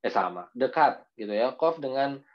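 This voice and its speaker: A man teaching Quran recitation in an online class, explaining patiently and drawing out each recited word slowly. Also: mid-range voice, animated, muffled recording. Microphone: video call.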